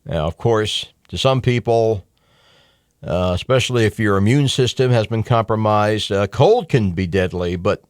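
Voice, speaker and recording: A middle-aged American man hosts talk radio, delivering a casual, opinionated monologue in a folksy, conversational style with emphatic asides. His voice sits on the low side, recorded dry and clean on a close studio microphone in a radio studio.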